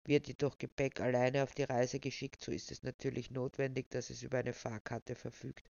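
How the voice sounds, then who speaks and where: A woman voicing a calm, pedantic male railway official who lectures in a dry, unbothered way. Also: mid-range voice, moderate pace, creaky, no room sound, highs cut off, voice pushed down, lightly acted.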